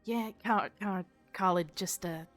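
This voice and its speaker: A woman's voice: mid-range voice, unhurried, fairly bright tone, faint music behind. A woman playing a tabletop game with friends, chatting casually in and out of character in a blunt, sweary way.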